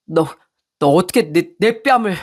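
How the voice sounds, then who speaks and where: A woman's voice: lowish voice, animated, unhurried. Woman doing a whiny, self-pitying husband. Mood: whiny, indignant. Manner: whining, blaming, later pleading.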